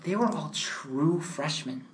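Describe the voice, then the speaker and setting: A man co-hosting a casual sports talk show, measured and analytical, leaning on "you know" fillers. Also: a little high, lively intonation. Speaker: sports podcast co-host.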